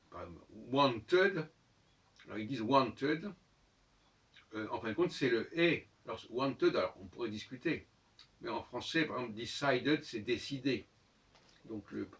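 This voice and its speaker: A man in a halting, unscripted solo monologue who keeps pausing on fillers and restarting his sentences. His voice sits at an ordinary middle pitch. He is heard from a little way off the microphone. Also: fairly bright tone, far from the mic. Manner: spells out letters one by one. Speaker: host of his own channel.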